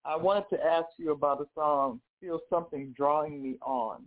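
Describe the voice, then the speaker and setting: A woman's voice: low voice, normal speed. A woman from Los Angeles calling in to a radio show, polite and hesitant, with many fillers. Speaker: caller. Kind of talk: call-in radio question. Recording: tinny phone line.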